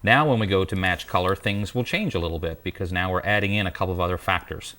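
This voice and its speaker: Very low-voiced man explaining calmly. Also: fast talker. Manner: calm, explanatory, with small restarts. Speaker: guest presenter. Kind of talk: software tutorial.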